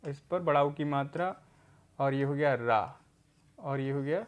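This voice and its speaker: With a smooth, slightly high voice, a man teaches adults literacy in a recorded lesson. He patiently repeats words slowly and answers the questions he asks.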